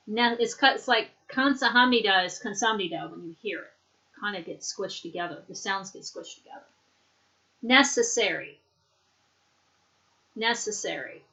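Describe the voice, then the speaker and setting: A woman teaching English, leading a slow repeat-after-me drill and patiently explaining words and pronunciation. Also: medium pitch, sharp tone, low-quality recording.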